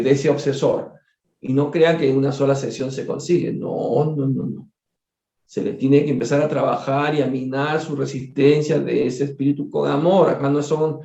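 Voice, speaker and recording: A man leading a study group, animated, repeating words and acting out little dialogues. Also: medium pitch. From Peru. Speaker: spiritist study leader. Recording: echoey room, dull lo-fi sound.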